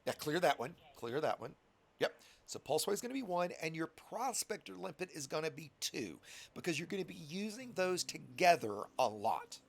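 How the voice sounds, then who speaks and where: Scratchy from a cold, a man patiently walks a new player through game setup step by step in a casual tutorial, chatting to viewers like an instructor. His voice is a little high and sing-song, with vocal fry, at a normal speed.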